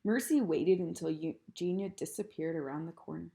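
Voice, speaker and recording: Woman reading aloud, gravelly voice. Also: on the low side, normal speed, dark tone, a little hiss or hum. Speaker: reader. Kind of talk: children's book read-aloud.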